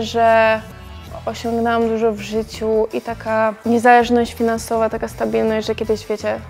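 A young woman speaks in a somewhat high voice, answering interview questions conversationally over quiet music. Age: young adult. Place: large living room with sofa.

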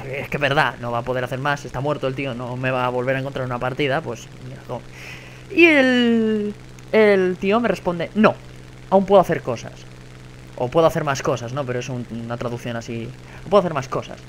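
A man's voice: medium pitch, a little fast, slight background noise. A young man from Spain with a Spanish accent, telling a gaming story with sarcastic commentary as a gaming YouTuber. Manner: sarcastic, storytelling, animated retelling of insults. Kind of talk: casual gameplay commentary.

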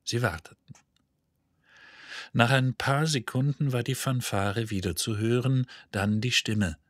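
A man narrating an audiobook in an even, measured storytelling manner. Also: mid-range voice, dry recording. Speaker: audiobook reader. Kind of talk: scripted narration.

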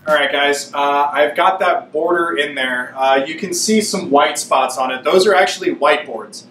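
A man's voice: fairly high pitch, normal speed, fairly bright tone, faint music behind. A man in his thirties, a shop owner, chatting upbeat in a casual how-to vlog as he works on his shop and explains each step. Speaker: shop owner filming a renovation. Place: shop workroom with low ceiling, indoors. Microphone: on-camera mic, camera at arm's length or set on a stand. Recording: roomy echo.

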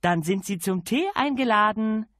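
A man voicing a grand, ample aristocratic lady, imperious and briskly polite. Her voice sits high and swings with lively melody. The read is dry and close. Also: slightly rough, dry recording, heavily acted. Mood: cheerful. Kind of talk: audiobook character voice.

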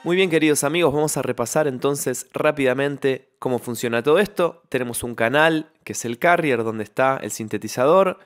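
Over soft background music, a man delivers step-by-step software tutorial narration into a close microphone. He speaks fairly quickly at medium pitch, with few pauses.

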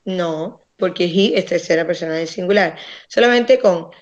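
A woman English teacher running an online class, patiently explaining grammar and slowly modelling pronunciation. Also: on the low side, highs cut off. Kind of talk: online language class, switching between Spanish and English.

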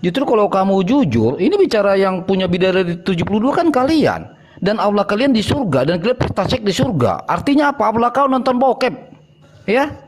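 A man with a strikingly high voice argues in an online debate. He mocks and provokes his opponents with open scorn. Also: very animated, a little fast.

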